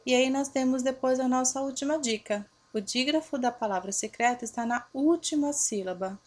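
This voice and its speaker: A woman teacher, giving a recorded lesson to her pupils, patiently asking and answering her own questions and spelling out letters slowly. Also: sits high. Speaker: primary school teacher. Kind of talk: recorded remote grammar lesson.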